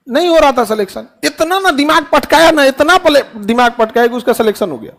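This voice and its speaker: A middle-aged man giving a classroom motivational talk to students, full of rhetorical questions and playful mimicked dialogue. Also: extremely high pitch. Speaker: teacher addressing students.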